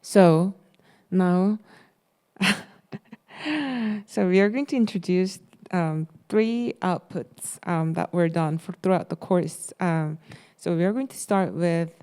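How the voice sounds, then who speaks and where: A woman's voice: fairly low pitch, takes it slowly, long pauses, dark tone, clean tone. A woman presenting design projects in a casual, hesitant way, with many fillers and restarts. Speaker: course presenter.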